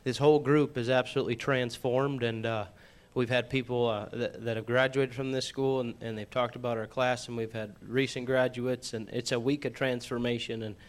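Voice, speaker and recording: A man's voice: medium pitch, little pitch movement, normal speed, hardly any pauses. A young man answering questions casually and politely in front of a group. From upper Midwest United States. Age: young adult. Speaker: auctioneer school student.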